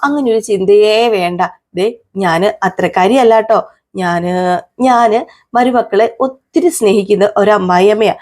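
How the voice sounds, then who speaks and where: A woman's voice: medium pitch, a little slow, darkish tone, lightly acted. Woman doing a bitter scheming mother-in-law. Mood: scornful. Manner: complaining, scornful asides. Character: scheming middle-aged mother-in-law, bitter toward one daughter-in-law.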